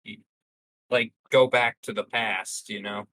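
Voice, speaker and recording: A man's voice: on the low side, fairly even intonation, unhurried, sharp tone, dry recording, rough recording. A young man as a podcast guest, giving brief, hesitant answers. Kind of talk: casual podcast chat.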